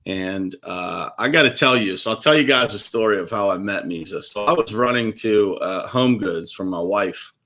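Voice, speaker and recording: A man's voice: lowish voice, moderate pace, few pauses, a bit bright. A man hosting a casual interview, easygoing and full of filler words. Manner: easygoing, lots of "uh" fillers and restarts. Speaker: show host.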